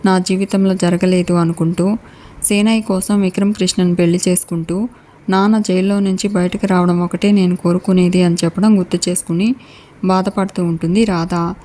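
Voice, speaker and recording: Woman narrator, serial recap, steady reading, lowish voice. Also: moderate pace.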